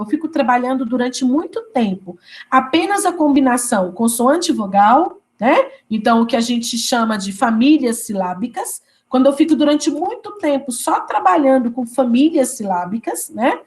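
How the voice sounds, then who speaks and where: A woman's voice: high-pitched, a little mellow. A woman giving an online teacher training lecture. She explains step by step and often checks in with tag questions. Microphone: video call.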